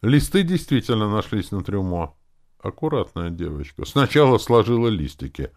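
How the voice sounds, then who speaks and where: A man narrating a first-person audiobook in a very deep, gravelly voice. His pitch moves widely, giving the reading a wry, lively feel. The voice stays rough and grainy from line to line. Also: moderate pace.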